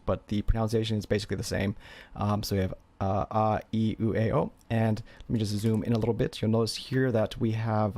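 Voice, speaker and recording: Man, lowish voice, casual online tutor; loose, unscripted delivery with fillers and restarts. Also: darkish tone. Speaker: language teacher. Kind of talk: screen-share language lesson.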